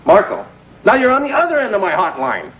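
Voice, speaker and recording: An actor playing a short-tempered grown son in a 1980s daytime soap, talking in a curt, irritable way, heard from an old VHS tape transfer. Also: male voice, sits high, wildly swooping pitch, brisk, full character voice. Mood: tense. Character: tense, short-tempered grown son chasing a lost fortune. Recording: dull lo-fi VHS with faint hiss.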